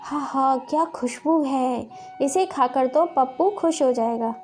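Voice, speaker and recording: A woman voicing a harsh village stepmother who scolds and taunts the children in a sharp, shouting way. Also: high-pitched, slow, soft background music. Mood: scolding.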